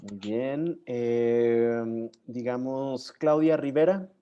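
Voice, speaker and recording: A man's voice: medium pitch, very slow, clear, resonant tone, highs cut off. A man moderating an online learning session over a video call, courteous and a little hesitant as he introduces people.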